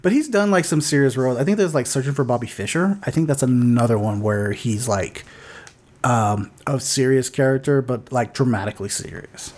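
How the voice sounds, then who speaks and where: A man's voice: mid-range voice, a little fast, a little mellow. A man co-hosting a podcast, chatting casually and enthusiastically about movies, with lots of fillers and restarts. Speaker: podcast co-host. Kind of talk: casual movie-review chat.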